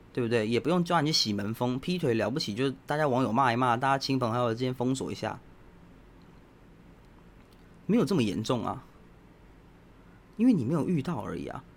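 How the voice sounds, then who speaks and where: A man with a Taiwanese Mandarin accent, hosting a podcast as a casual opinion monologue, blunt and provocative as he lectures his listeners directly. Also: mid-range voice. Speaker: podcast host.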